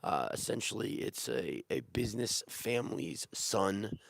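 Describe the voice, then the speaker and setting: A real estate agent who is sick and losing his voice answers viewer questions about living abroad in a casual Q&A livestream. His fairly low voice has vocal fry and lively intonation, and he speaks unhurriedly. He rambles, with many restarts and fillers.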